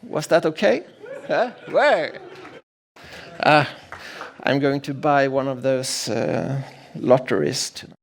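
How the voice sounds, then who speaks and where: A man's voice: mid-range voice, a little slow, creaky. A middle-aged man from Sweden, giving a conference keynote in a humorous, self-deprecating storytelling way, often restarting his sentences. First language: Swedish. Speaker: keynote speaker. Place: large conference room.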